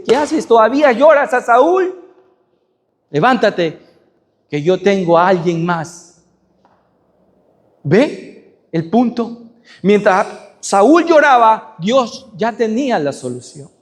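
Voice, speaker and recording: A man preaching a sermon who asks his congregation rhetorical questions and swings from loud high peaks to soft low endings. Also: animated, slow pace, long pauses. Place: church sanctuary. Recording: long reverb of a church hall.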